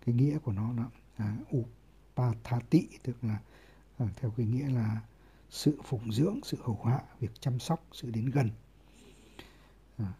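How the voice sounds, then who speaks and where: A man, a Buddhist monk, explaining scripture terms word by word in an unhurried lesson with many filler pauses, carefully sounding out each foreign term. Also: mid-range voice, mellow, husky. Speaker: Buddhist monk teaching Pali.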